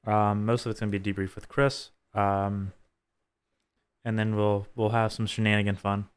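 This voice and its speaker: Low-voiced man giving a casual race debrief. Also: level tone, clear, resonant tone. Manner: halting, thinks aloud with restarts. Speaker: race engineer.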